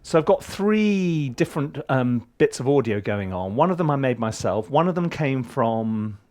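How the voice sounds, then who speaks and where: A middle-aged composer who teaches film scoring walks through his music session in a casual screen-share, rambling with many ums and restarts. His mid-range voice is expressive and a little mellow at a normal pace, and music from the session plays faintly behind him.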